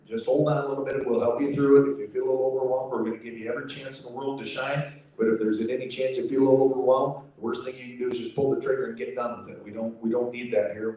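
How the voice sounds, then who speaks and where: An American man with a warm, medium-pitched voice organizes an auctioneer contest and gives an informal spoken briefing in a folksy, reassuring, repetitive way. He's in a livestock sale arena, where the hall is very echoey and PA sound can be heard in the distance.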